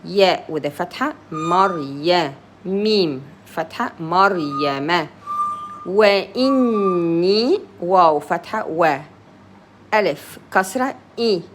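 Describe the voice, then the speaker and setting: Slow woman teaching recitation. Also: fairly low pitch, slight background noise. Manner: sounds out each Arabic letter and vowel mark, then explains in simple English. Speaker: Quran reading teacher. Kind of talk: slow letter-by-letter recitation lesson.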